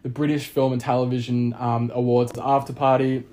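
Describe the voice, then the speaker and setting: Appearing as a guest on a podcast, a young Australian man spins a lengthy, animated tale, packed with fillers and impressions of what other people said. He talks fairly quickly in a mid-range voice.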